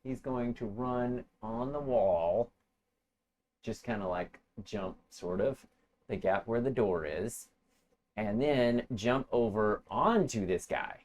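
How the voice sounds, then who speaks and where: Man, player at a tabletop game, deep-ish voice, halting, thinks aloud. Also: a little mellow. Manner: halting, thinks aloud while planning moves. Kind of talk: casual tabletop game play.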